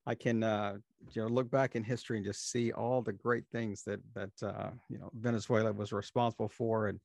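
A male podcast host with a gravelly, fry-tinged voice. He talks in a halting, casual way, restarting and repeating words. The recording is dry and close. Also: fairly low pitch, level tone, darkish tone, dry recording. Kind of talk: casual interview talk.

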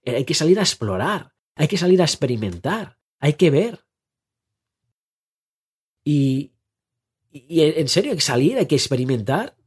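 A man with a slightly husky voice talks through a casual podcast monologue. He coaches listeners in a lively, conversational way and keeps asking rhetorical questions. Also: fairly high pitch, moderate pace, long pauses. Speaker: life coach and podcast host.

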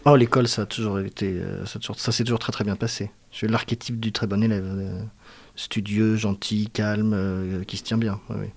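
Reflective low-voiced French man. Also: little pitch movement, a little fast, gravelly. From France. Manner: reflective, hesitant, searching for words. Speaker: guest actor. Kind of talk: casual interview conversation.

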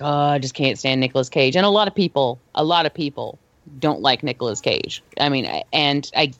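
A woman's voice: on the low side, no room sound. A woman co-hosting a podcast, chatting casually about films, laughing often. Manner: animated, laughs often, restarts. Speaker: podcast co-host. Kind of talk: casual film review chat. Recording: dull dry lo-fi sound.

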